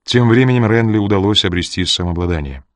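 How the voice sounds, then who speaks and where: A man with a very low voice reads an audiobook in measured, scripted narration. The sound is dry and close, with no room around it. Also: no echo.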